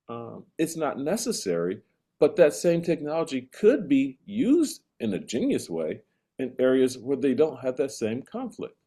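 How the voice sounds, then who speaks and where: A man's voice: mid-range voice, mellow. A man in a casual conversational rant, emphatic and repeating phrases for comic effect as he builds toward exasperation.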